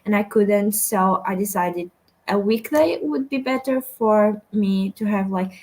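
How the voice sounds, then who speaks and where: A woman's voice: medium pitch, measured pace, a little mellow, rough recording. A young woman from Portugal hosting a casual livestream, chatting and reading viewer comments aloud with many fillers. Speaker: livestream host. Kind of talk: casual chat while reading chat messages.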